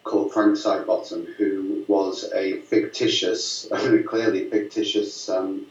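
A man's voice: sits low, little pitch movement, measured pace. A man, telling stories in a rambling, amused way with many fillers and restarts. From Lancashire, northwest England. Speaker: filmmaker guest. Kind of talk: casual storytelling interview. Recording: roomy, distant, dull mic sound.

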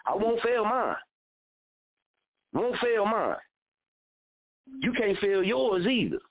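On narrow, phone-like audio, a man in his thirties hosting a radio show gives a motivational speech that is blunt and heated, full of cursing and repeated lines. He speaks slowly, in a high-pitched, very animated voice.

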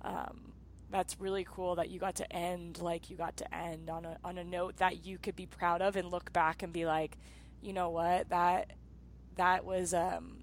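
A woman in her thirties with a somewhat low voice hosts a casual interview. She talks with empathy and often fills her phrases with "um" and "you know". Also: level tone, normal speed, slight background noise, low-quality recording. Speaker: interview host, former soccer player.

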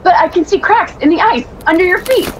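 A timid, frightened woman in a vintage radio thriller. Her voice is extremely high, and the old recording is clearly noisy. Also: lively intonation, a little fast. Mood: fearful.

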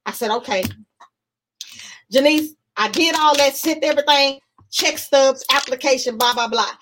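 A woman gives an emotional personal testimony. She tells it in an animated way, acting out what each person said along the way. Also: high-pitched, normal speed, slight background noise. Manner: animated storytelling, acting out both sides of conversations. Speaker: guest sharing testimony.

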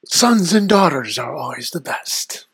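Stern old Devil, very raspy voice, clipped formal replies, menacing, dry close recording. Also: male voice, fairly high pitch, big pitch swings, a little slow, fairly bright tone, no room sound, exaggerated voice. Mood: imperious. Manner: formal, terse, imperious. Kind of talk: in-character podcast interview.

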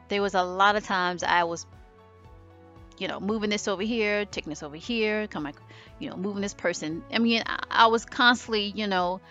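A woman hosting a motivational podcast, talking emphatically and acting out little voices of doubt and fear. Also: mid-range voice. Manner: animated and emphatic, acts out inner voices. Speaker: podcast host.

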